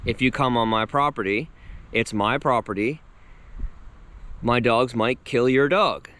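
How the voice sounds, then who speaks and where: A man's voice: mid-range voice, unhurried. A man in his thirties vlogging outdoors on his rural property, telling a story and acting out what people said. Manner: animated retelling, acting out quotes. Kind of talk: casual storytelling to camera.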